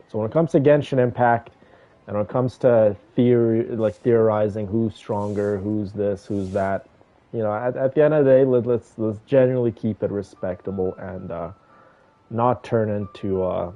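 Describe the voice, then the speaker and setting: Reacting to a game in front of his live stream audience, this man repeats himself emphatically in a relaxed chat. His warm voice runs on the low side, recorded on a muffled lo-fi mic with game music in the background.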